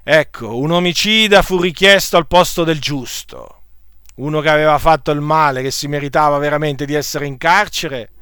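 A man's voice: a little high, fairly bright tone, clear, resonant tone, no echo, studio quality. Earnest male preacher telling a story. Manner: repeats phrases for emphasis, earnest storytelling. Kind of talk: sermon retelling a scripture story.

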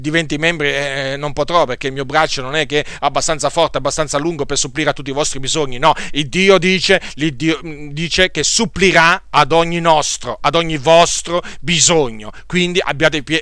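A man's voice: a little high, pushed and bright, smooth, no echo, clean studio sound. A man preaching a sermon to his congregation, asking rhetorical questions and urging them on. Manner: rhetorical questions, emphatic exhortations.

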